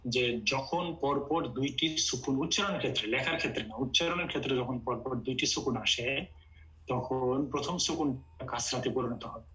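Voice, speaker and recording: Bright-voiced man teaching online. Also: mid-range voice, moderate pace, poor audio. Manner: patient, explains step by step, mixes in English. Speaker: Quran Arabic teacher. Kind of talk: online class explanation.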